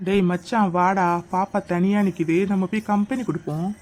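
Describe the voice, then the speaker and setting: A woman's voice: mid-range voice, steady tone, normal speed, a little mellow, lightly acted. A woman voicing a cocky young male street thug who taunts a girl and cackles often. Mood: taunting. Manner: taunting, with frequent cackling laughs.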